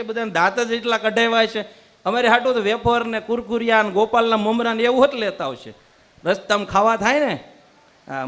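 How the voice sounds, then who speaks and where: High-voiced comedian. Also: male voice, a bit bright. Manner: rapid joke-telling with quoted dialogue. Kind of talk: stand-up comedy storytelling.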